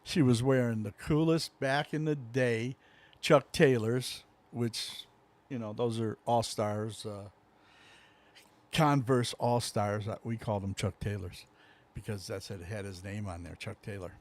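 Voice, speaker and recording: A man's voice: lowish voice, steady tone, unhurried. A middle-aged man, co-hosting a casual local talk show in a rambling, easygoing way with many fillers. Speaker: co-host. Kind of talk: casual chat.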